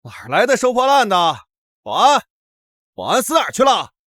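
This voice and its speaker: A haughty young heir in a motion comic, his voice pitched very high for a man and swinging wildly as he sneers. He barks scornful insults in a dry, close studio sound. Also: wildly swooping pitch, moderate pace, fairly bright tone, no echo, full character voice. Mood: sneering. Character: arrogant young male rich contestant, sneering. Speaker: repair contest rival.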